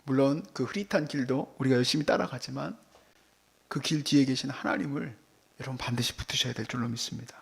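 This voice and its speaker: A man preaching a sermon, dropping to near whispers and then rising to loud, exclaiming outbursts, acting out the voices of the people in his story. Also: medium pitch, brisk, vocal fry, breathy edge. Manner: acts out God's and friends' voices in the sermon. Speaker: pastor. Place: church service.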